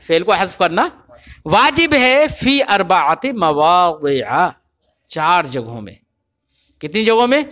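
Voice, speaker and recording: High, bright-voiced male teacher lecturing. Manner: explains and checks understanding with repeated questions. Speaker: religious studies teacher. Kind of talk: classroom grammar lecture.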